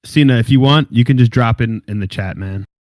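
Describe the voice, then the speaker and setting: A man's voice: mid-range voice, fairly quick, darkish tone, no echo. A young man hosting a casual gaming podcast, talking in loose slang while he runs the show and hands out giveaways. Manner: slangy, laid-back, steers the show and giveaways. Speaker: podcast host.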